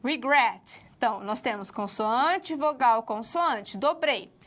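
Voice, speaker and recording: Woman, high voice, patient explaining, recorded lecture. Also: expressive, fairly bright tone. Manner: patient, drawn-out explaining, often checks understanding with "ok?". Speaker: English teacher.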